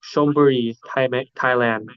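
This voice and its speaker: A man's voice: medium pitch, level tone, drawn-out words, smooth, dry recording. A man teaching English in a casual bilingual lesson, who politely asks the learner questions. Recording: dull lo-fi recording.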